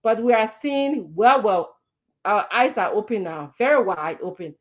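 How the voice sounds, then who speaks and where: A woman's voice: medium pitch, lively intonation, unhurried. A woman giving impassioned political commentary on a talk show, emphatic and indignant, with repeated words and pointed rhetorical questions. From Liberia.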